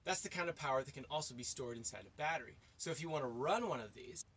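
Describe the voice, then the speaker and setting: A man's voice: mid-range voice, lively intonation, quick pace, fairly bright tone, a little hiss or hum. A man in his forties presenting an explanatory vlog from inside a small trailer. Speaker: vlog co-host.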